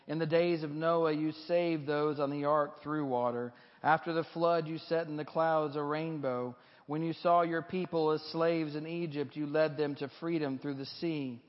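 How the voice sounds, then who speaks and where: A man with a slightly raised pitch leads a baptismal liturgy in steady, formal phrasing. His words hang in a long cathedral-like echo that trails after each line. The recording sounds muffled and lo-fi, as if taken from the back of a large sanctuary. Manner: measured, formal liturgical reading. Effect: long cathedral-like church echo. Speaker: pastor. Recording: dull, reverberant church recording.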